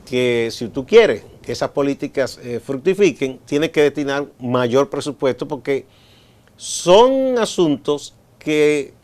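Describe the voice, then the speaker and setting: Measured Dominican man hosting a talk show. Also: mid-range voice, expressive, darkish tone. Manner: measured, explanatory, with frequent "eh" pauses. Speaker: host. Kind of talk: studio talk show discussion.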